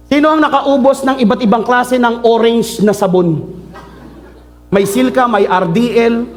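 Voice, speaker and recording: A man with a Filipino accent, preaching a playful sermon, teasing and quizzing his congregation as he mixes in English phrases. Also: high-pitched. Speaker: pastor.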